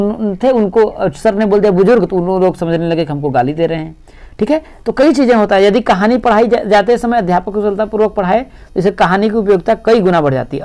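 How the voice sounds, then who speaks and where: A man's voice: high-pitched, a little mellow. A male teacher giving an exam-prep lecture, explaining step by step and repeating "see" often.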